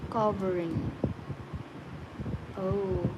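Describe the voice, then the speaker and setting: A woman's voice: mid-range voice, fairly even intonation, extremely slow, lo-fi sound. A woman in her thirties hosting a livestream on her phone, reading out viewer comments and chatting casually. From Philippines. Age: 30s. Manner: reads viewer comments aloud, friendly small talk. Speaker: livestream host. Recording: loud background noise.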